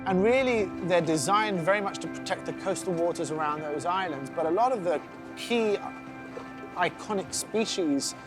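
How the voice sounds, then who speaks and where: Man, scientist interviewee, fairly high pitch, explanatory delivery, music in the background. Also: normal speed. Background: music under the voice.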